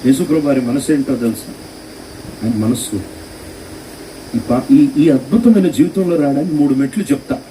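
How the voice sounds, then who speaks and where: A man preaching a sermon at a meeting, telling stories with lively rhetorical questions. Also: medium pitch, moderate pace, pauses often, distant mic, a little hiss or hum, rough recording. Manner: animated storytelling with rhetorical questions. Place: meeting hall.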